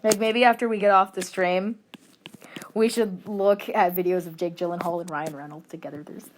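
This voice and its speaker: A woman's voice: lowish voice, steady tone, moderate pace, slight background noise. A woman chatting casually on a drawing stream, goofy and jokey, tossing in movie quotes. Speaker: co-host on stream.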